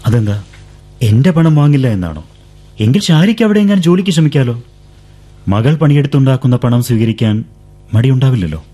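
Playing the lead in a 1970s radio drama, an actor pleads as an earnest young man urging his beloved to come away with him. His mid-range, warm voice is animated and brisk, lightly acted, with frequent pauses. It comes from an old radio broadcast with faint music.

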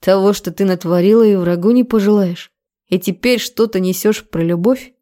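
A woman's voice: medium pitch, dark tone, close to an everyday voice. A woman reading a furious, menacing young man. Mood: contemptuous. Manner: slow, threatening interrogation. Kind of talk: audiobook character voice.

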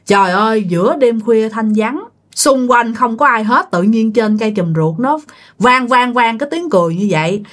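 A woman with a southern Vietnamese accent tells a ghost story in a raised, lively voice. Her pitch rises and falls a lot, and she keeps speaking straight to her listeners. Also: moderate pace. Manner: animated, addresses listeners directly.

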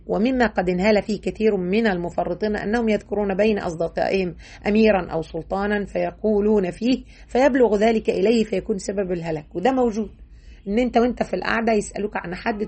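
Middle-aged Egyptian woman lecturer, quick husky delivery, emphatic colloquial teaching with stammered restarts. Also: mid-range voice, darkish tone. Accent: Egyptian Arabic. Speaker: religious lecturer. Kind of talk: religious lesson commentary.

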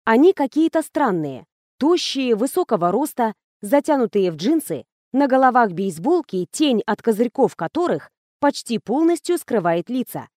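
A woman's voice: on the high side, sing-song, normal speed, darkish tone, dry recording, clean studio sound. Woman narrating with wry irony. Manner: wry, conversational. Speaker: audiobook narrator. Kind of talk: first-person ironic narration.

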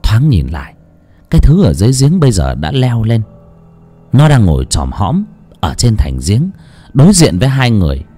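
A man's voice: fairly low pitch, normal speed. A man narrating a horror audiobook dramatically. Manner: dramatic, expressive. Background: faint music.

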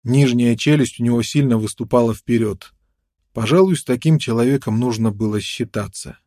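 A man narrating an adventure novel in a measured, dramatic reading. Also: mid-range voice, warm tone, no echo, clean studio sound. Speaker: audiobook narrator. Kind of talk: scripted narration.

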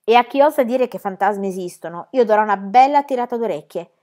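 A woman voicing a bold, cheerful young girl who tells tall tales, in a loud, high-spirited, boastful manner. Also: expressive, fast, lightly acted. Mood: cheeky.

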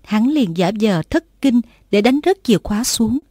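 A woman reading a martial arts novel aloud as an audiobook narrator, in a steady storytelling manner. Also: on the high side, moderate pace, no echo, clean studio sound.

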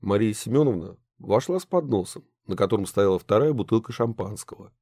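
Warm-voiced male audiobook narrator. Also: lowish voice, lively intonation, fairly quick, dry recording, clean studio sound. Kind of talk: scripted narration.

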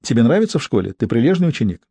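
A man's voice: mid-range voice, sing-song, very fast, mellow, breathy edge, no room sound. A man reading an audiobook, voicing a lecherous man who talks in an insinuating, pushy way.

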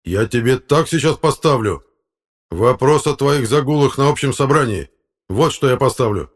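A man's voice: medium pitch, moderate pace, pitched above the performer's own voice, lightly acted. A man voicing an irate, indignant village council chairman who makes threats.

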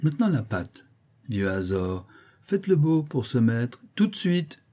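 A man's voice: mid-range voice, very animated, measured pace, dark tone, voice pushed up. A man voicing a lame, mocking boy who taunts cruelly in a sing-song way. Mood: jeering.

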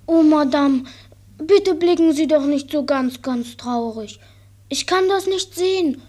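An actress playing a sensitive, polite eight-year-old prince in a radio play, childlike and earnest. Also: female voice, high-pitched, unhurried, darkish tone. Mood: pleading.

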